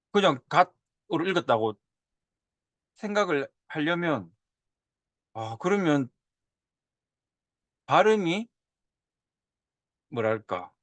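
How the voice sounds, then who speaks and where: 옛 문헌을 보여 주며 예시 발음을 되풀이해 가며 강의하는 남자 교사. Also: male voice, fairly high pitch, no room sound. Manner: animated, drawls and repeats example sounds. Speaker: teacher. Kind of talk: lecture on old Korean script.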